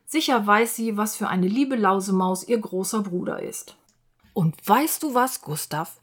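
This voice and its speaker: A woman reading a children's storybook aloud. Her delivery is clear, gentle and expressive, paced for young listeners. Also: mid-range voice, a little slow.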